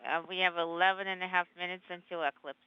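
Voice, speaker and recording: A man's voice: high voice, flat delivery, fast talker, smooth. A man on the space station making clipped, matter-of-fact procedural callouts over a space-to-ground radio link. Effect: space-to-ground radio transmission. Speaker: space station crew member. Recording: dull lo-fi radio downlink.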